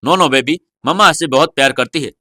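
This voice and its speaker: A man's voice: fairly high pitch, brisk, bright, forceful tone, no echo, studio quality. A man voicing a caring young mother in an audio story, soothing and a little evasive. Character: caring young mother, shy with her husband.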